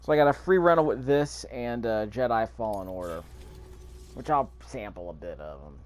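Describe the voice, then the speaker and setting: With game sounds and ambience in the background, a gamer records casual, offhand commentary, muttering as he plays. He speaks at normal speed in a fairly low voice with lively intonation.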